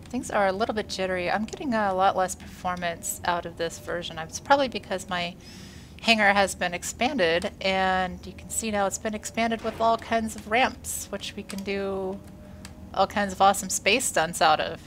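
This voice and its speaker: A gaming video creator with a medium-pitched, fairly bright voice talks at a moderate pace while playing a space game, her commentary casual and upbeat. She sounds congested and slightly wheezy after a workout and illness, peppering her speech with "uh." There's a faint hiss or hum.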